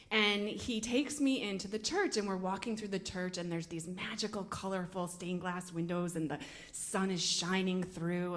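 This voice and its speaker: A woman telling a personal story to an audience, animated and full of "like", acting out her own thoughts. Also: medium pitch. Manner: animated, filler-heavy "like", acts out her own inner thoughts.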